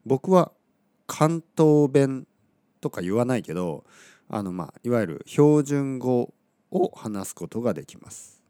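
A man from Oita, Kyushu, teaching Japanese in a relaxed podcast monologue. He chats with many soft fillers, corrects himself as he goes, and his throat is slightly scratchy. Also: medium pitch, unhurried, dry recording, studio quality. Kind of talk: casual podcast lesson monologue.

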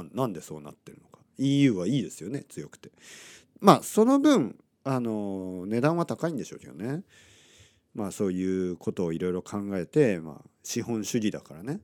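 Man, casual storytelling, lively up-and-down pitch, acts out quotes, laughs between remarks. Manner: chatty, acts out quoted lines in other voices; many fillers and restarts. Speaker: vlogger telling a personal story.

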